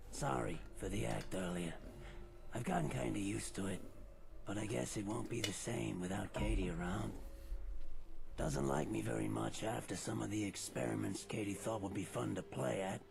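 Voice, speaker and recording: Gravelly, theatrical ghoul. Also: male voice, on the low side. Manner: grandiose and theatrical, dropping into weary plain talk. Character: theatrical ghoul man posing as pompous alien interloper-hunter. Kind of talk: video game character dialogue.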